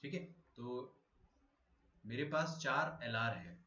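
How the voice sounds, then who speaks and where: A male maths teacher giving a live online lecture, explaining slowly and checking whether students have understood. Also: mid-range voice, lively intonation, pushed and bright. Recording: echoey room, dull lo-fi audio.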